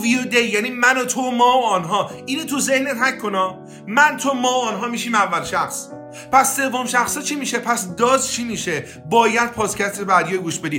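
Brief: male podcast teacher, high bright voice, drills, faint guitar under. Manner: coaching, repeats drill phrases. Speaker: English teacher. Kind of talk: podcast language lesson.

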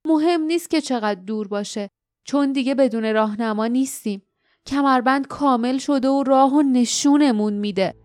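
A woman's voice: high voice, darkish tone, no room sound, clean studio sound, close to an everyday voice. A woman voicing a thoughtful, determined young man in an audiobook. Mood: resolute. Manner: thoughtful, resolute.

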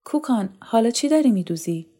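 A woman's voice: fairly high pitch, animated, mellow, husky, voice pushed up. A woman reading a wistful middle-aged woman. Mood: subdued. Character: middle-aged woman remembering her dead sister.

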